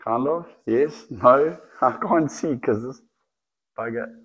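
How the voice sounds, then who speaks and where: A man showing off a lively python outdoors on camera, chatty and laughing, talking to the snake as it wraps around his clip-on mic. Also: medium pitch, slow pace, highs cut off. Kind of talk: casual hands-on video chat. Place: outdoors in the sun. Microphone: clip-on mic the snake keeps wrapping.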